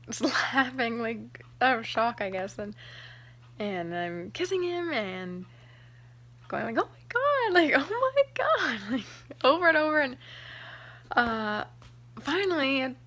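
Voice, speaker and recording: A young woman vlogger telling a personal story to camera in a chatty, excited way, full of "like" and "um". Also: a little high. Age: young adult. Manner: chatty, excited, heavy use of "like" and "um".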